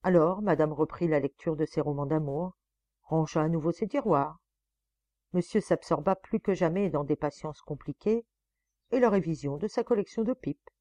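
Woman audiobook narrator, lowish voice, steady measured reading, dry close recording. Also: dry recording. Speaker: audiobook reader. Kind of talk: scripted novel narration.

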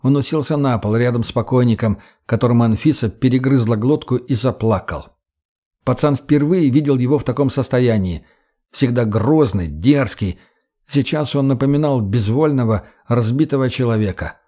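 A male audiobook narrator telling a tense story in a steady, dramatic way. His voice is warm and mellow and sits at a middle pitch. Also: normal speed.

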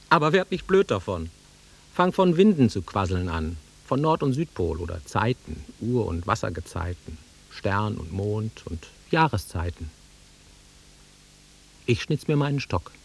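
An actor in a German radio drama plays a volatile, nostalgic man of country upbringing, brooding and taunting. His rough, husky, fairly low voice is exaggerated, swinging from muttering to outbursts, with an urgent, commanding mood.

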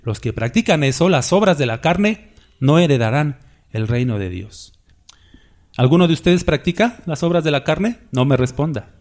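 A man preaching with a fairly high-pitched voice. He is emphatic and keeps asking his congregation rhetorical questions. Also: very animated, normal speed, a little mellow. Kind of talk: sermon.

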